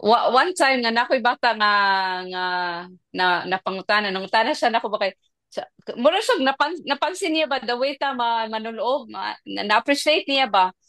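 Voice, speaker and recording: A woman's voice: a little high, normal speed, no room sound. A woman with a Filipino accent, a teacher chatting casually on a podcast and acting out classroom exchanges with her students. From Philippines. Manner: animated storytelling, acting out classroom exchanges with laughs. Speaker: teacher sharing her experience.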